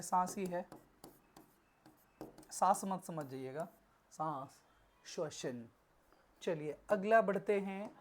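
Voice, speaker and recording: A woman with an Indian accent teaching an exam-prep grammar lesson, asking questions and answering them herself and spelling out words letter by letter. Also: medium pitch.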